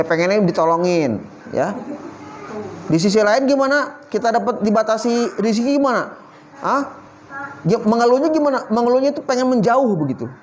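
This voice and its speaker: A man's voice: high voice, a little hiss or hum. A man teaching a Quran study session, reciting Arabic verses and firing questions at his audience in casual slang. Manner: quizzes the audience with constant questions. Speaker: Islamic religious teacher. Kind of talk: Quran study talk to a youth group.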